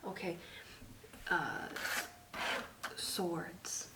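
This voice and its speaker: A woman doing a soft-spoken ASMR role-play as an easygoing art consultant, musing and hesitant as she talks. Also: lowish voice, steady tone, drawn-out words. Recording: distant mic, loud noise, typing and clicks. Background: typing, clicking and tapping.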